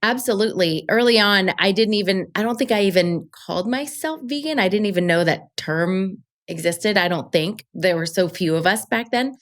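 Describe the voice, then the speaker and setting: A woman's voice: medium pitch, moderate pace, few pauses. A woman guest on an interview podcast, chatting casually and upbeat about her work, with many fillers. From Colombia. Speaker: podcast guest, travel show creator.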